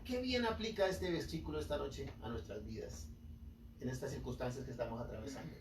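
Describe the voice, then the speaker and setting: A man's voice: mid-range voice, brisk, slight background noise. Echoey preaching man, from far off. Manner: preaching with emphatic rises and acted-out quotes. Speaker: pastor. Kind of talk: sermon. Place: church hall.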